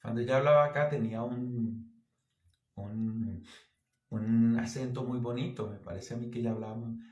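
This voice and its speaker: A man preaching a sermon as pastor, earnest and exhorting, with lively anecdotes. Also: mid-range voice, moderate pace, reverberant, lo-fi sound. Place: church.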